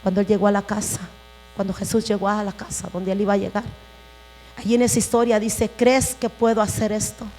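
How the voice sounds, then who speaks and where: A woman's voice: mid-range voice, fairly even intonation, quick pace, darkish tone, faint music behind. A woman pastor preaching a sermon in an earnest way, speaking to the congregation as brothers and sisters. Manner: earnest, addresses listeners as brothers.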